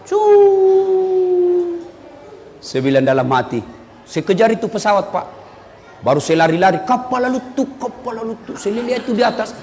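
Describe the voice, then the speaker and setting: A man preaching a humorous sermon, telling stories in an animated way and shouting the punchlines. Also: a little high. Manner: animated storytelling with loud punchlines. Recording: reverberant hall with faint background noise.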